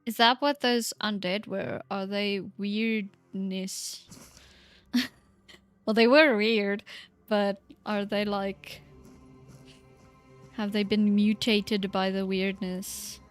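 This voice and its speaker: A woman's voice: mid-range voice, fairly even intonation, slow pace, pauses often, clean tone, no echo, faint music behind. A woman streaming a game in casual, chatty commentary, talking to herself, giggling and trailing off mid-thought.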